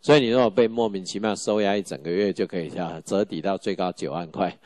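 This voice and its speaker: A middle-aged man, lecturing law exam students in a joking, animated way and firing rhetorical questions at the class. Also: deep voice, quick pace, no echo.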